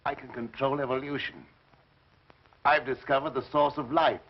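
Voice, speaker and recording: An actor playing a grandiose, resentful mad scientist in an old horror film, speaking formally and theatrically with menacing politeness. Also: male voice, medium pitch, steady tone, moderate pace, lightly acted. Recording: muffled old film soundtrack.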